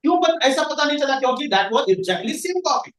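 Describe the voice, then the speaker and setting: A man's voice: very high-pitched, lively intonation, normal speed, a bit bright, slight background noise. A male science teacher lecturing a classroom, quizzing students and answering his own questions. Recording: echoey room, voice from far off the mic.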